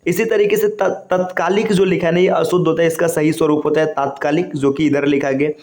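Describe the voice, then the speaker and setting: A man teaches an exam-prep spelling lesson, working through one word after another with patient, repetitive explanations. He often tags on short check-in questions to his listeners. His voice sits a little high, and the recording has a noticeable room echo. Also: steady tone, fast talker, a little mellow. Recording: echoey room.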